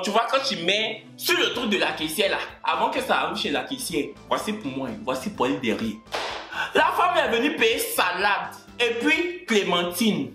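A man's voice: high voice, fairly bright tone. A man telling a comic story as a monologue, with exaggerated mock outrage. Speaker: comedian storyteller. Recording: roomy sound with faint music.

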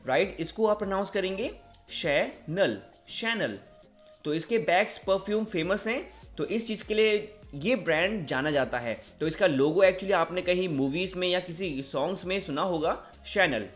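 A young man with an Indian accent and a fairly high voice teaches a casual video lesson. He says each word slowly and asks "right?" again and again. Faint music plays behind him. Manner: repeats words slowly, often asks "right?". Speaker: English teacher.

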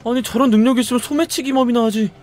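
A man's voice: very high voice, steady tone, very fast, darkish tone, soft background music. A man giving live commentary as he plays a horror game, jumpy, exclaiming and muttering to himself.

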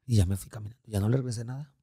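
Campy, animated Mexican man. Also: fairly low pitch, very fast, husky, no echo, studio quality. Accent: Mexican Spanish. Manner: campy, animated, playfully crude. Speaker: podcast host. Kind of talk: casual chat, storytelling.

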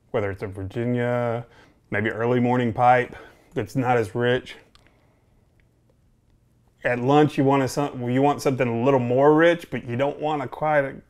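A man's voice: medium pitch, clean tone. Man musing through a casual review. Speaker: pipe tobacco reviewer. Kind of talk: casual unscripted product review to camera. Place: small home office, indoors.

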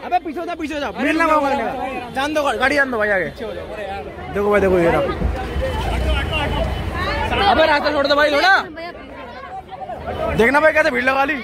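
A young Indian man vlogs from a busy city street in an extremely high, expressive voice, talking a little fast and pausing often. Filming on his phone, he chats with viewers as brother and shouts over the pushing crowd, surrounded by loud crowd and street sounds.

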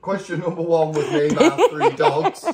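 A man's voice: high voice, huge pitch swings, moderate pace, over a noisy crowd. A man with a Mancunian accent from Manchester, casually hosting a family quiz at home in a playful, laughing way. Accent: Mancunian English. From Manchester, England. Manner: playful, laughing, slips into doting baby talk with the dogs. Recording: echoey room with background noise.

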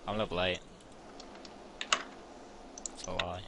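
A man in casual gaming commentary with loud, frustrated outbursts and constant swearing. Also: low voice, little pitch movement, slow pace, gravelly. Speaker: gamer. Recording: noisy mic with keyboard clicks.

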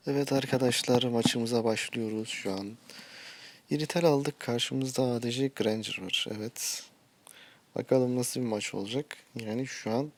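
A short-tempered man streaming a mobile game, giving live commentary and ranting at his teammates. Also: medium pitch.

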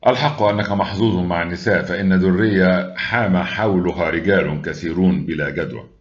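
A man voicing a calm, loyal middle-aged friend who speaks in a measured, reassuring way, in a storytelling read-aloud. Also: low-pitched, highs cut off, lightly acted.

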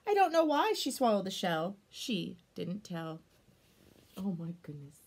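A woman in her thirties reads a picture book aloud to children, full of expression, exclamations and chatty explanatory asides. Her voice is medium-pitched and slightly rough, and she takes her time.

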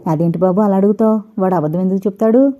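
A woman voicing a gentle, trusting middle-aged mother who coaxes softly, in an audiobook reading. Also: medium pitch, fast talker, lightly acted. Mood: coaxing.

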